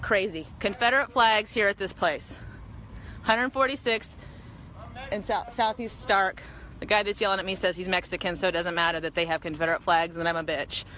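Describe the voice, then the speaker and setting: A woman's voice: medium pitch, steady tone, fairly quick, sharp tone, a little hiss or hum. A shaken woman filming on her phone in an outdoor store parking lot, pleading and tearful. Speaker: mother filming a confrontation. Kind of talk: phone video narration. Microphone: handheld phone.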